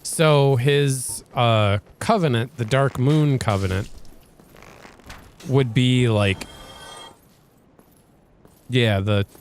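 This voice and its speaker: A man's voice: mid-range voice, very slow, pauses often, slight background noise. A man hosting a let's play, giving casual gameplay commentary in a rambling, hesitant way with frequent restarts.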